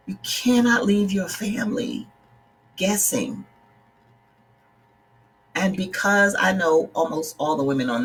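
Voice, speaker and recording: A woman's voice: fairly low pitch, a bit bright, a little hiss or hum. A middle-aged woman from the Bahamas, a life coach talking casually to her live-stream viewers in an earnest, direct way and greeting them by name. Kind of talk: casual livestream talk.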